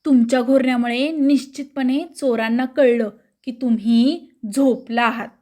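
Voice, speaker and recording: A woman reading the part of a brisk, bossy young male police inspector who questions everyone sharply. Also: high voice, fairly even intonation, dark tone, close to an everyday voice. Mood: stern.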